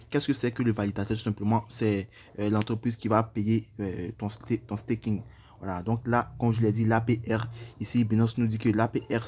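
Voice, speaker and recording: A man with a somewhat low voice talks through a screen tutorial in a casual, unscripted way. He hesitates often, restarts phrases and leans on the same filler word again and again. A faint background hiss sits under the voice. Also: darkish tone. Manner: hesitant, repeats himself, frequent "voilà" fillers. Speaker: crypto tutorial presenter.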